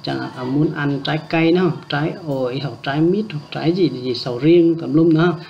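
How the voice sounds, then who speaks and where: A man teaching a language lesson, hesitant with many filler sounds, repeating example words slowly. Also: on the high side, creaky. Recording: dull lo-fi recording with faint background hum.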